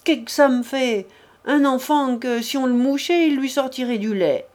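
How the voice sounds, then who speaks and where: A woman's voice: high-pitched, normal speed, a little mellow, pitched above the performer's own voice, natural voice. A woman voicing a gossipy, mocking woman servant in an audiobook, in a brash, teasing manner.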